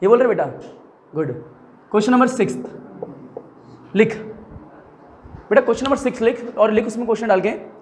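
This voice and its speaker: A man teaching physics in an energetic classroom lecture, coaxing students, joking and at times shouting questions. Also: high-pitched, moderate pace, pauses often, a little hiss or hum. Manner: animated, coaxing, often shouts and jokes with students.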